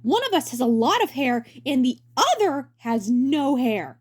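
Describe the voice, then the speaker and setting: A woman voicing a dim, excitable younger-brother turtle in a cartoon story, with hammy, theatrical enthusiasm. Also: high voice, a little slow, husky, pitched above the performer's own voice, full character voice. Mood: showy presenter.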